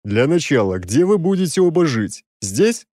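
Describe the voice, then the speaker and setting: A man voicing an exasperated six-armed male demon who scolds loudly and sarcastically, in a dry, close recording. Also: on the high side, big pitch swings, normal speed, no room sound, pitched above the performer's own voice.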